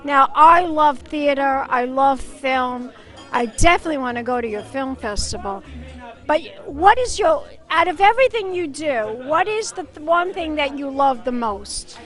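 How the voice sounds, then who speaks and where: A woman's voice: high voice, expressive, normal speed, fairly bright tone. A woman hosting an interview show at an arts event, theatrical and gushing, calling people darling. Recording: music behind. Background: background music at an event.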